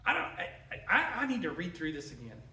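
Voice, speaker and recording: An animated man teaches a Sunday school class, stopping often to put questions to his listeners. His voice is high and bright, with lively, wide swings in pitch. He sits some way from the mic, and the room around him echoes. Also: a little fast, recorded from a distance, a little hiss or hum.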